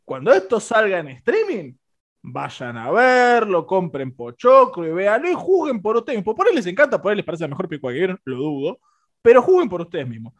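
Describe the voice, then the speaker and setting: A young man with a Rioplatense accent, co-hosting a casual film review podcast in an animated, joking way. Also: brisk. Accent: Rioplatense Spanish. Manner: animated, joking, voice swings high and low. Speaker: podcast co-host.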